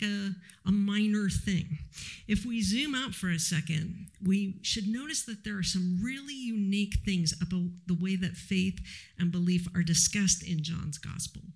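High, gravelly-voiced male preacher. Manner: reflective, measured teaching with pauses. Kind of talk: sermon.

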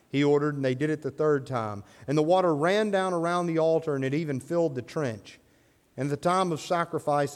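Pastor guy reading scripture then preaching, fairly high voice, long church echo. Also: darkish tone. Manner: builds to raised, emphatic preaching. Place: church sanctuary. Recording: long hall reverb.

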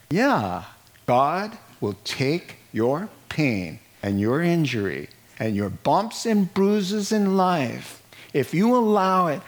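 A middle-aged pastor with a voice that sits high preaches an animated sermon, acting out the people he quotes and laughing at his own jokes.

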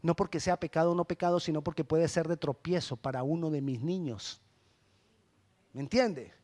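A middle-aged male pastor preaching a sermon, lively and emphatic, acting out the church members he quotes. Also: on the high side, normal speed. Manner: animated preaching, rising to loud emphatic peaks.

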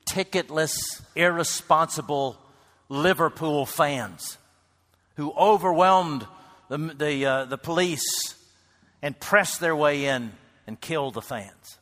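A man preaching a sermon to a congregation, swinging between loud calls and near-whispered lines. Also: fairly high pitch, slow pace. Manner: builds to loud shouts, then drops to a hush. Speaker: pastor. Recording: reverberant hall.

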